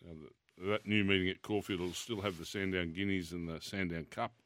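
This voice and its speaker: A man's voice: low voice, steady tone, fairly quick, fairly bright tone. A man with an Australian accent hosting a casual racing radio show, teasing his co-hosts in a jovial way. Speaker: radio host.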